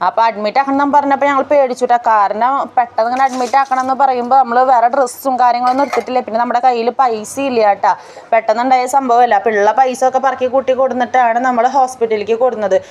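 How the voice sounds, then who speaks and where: A woman's voice: on the high side, steady tone, rapid-fire, slight background noise. A woman, chatting casually as she narrates her family vlog step by step. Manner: chatty, tells the story step by step. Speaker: family vlogger.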